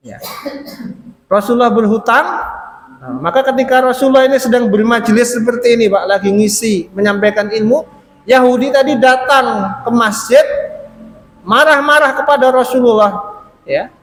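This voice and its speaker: A man's voice: very high-pitched, moderate pace, long pauses. A man preaching to a congregation, telling a story and acting out the people in it, with a frequent "ya" between phrases. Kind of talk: sermon. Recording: reverberant hall, faint noise.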